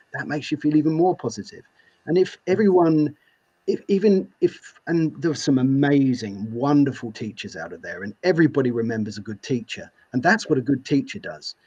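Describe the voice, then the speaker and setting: A man's voice: medium pitch, a little mellow, breathy edge, highs cut off. A man hosting an interview, enthusiastic and often repeating words as he starts a sentence. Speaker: podcast host. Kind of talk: interview conversation.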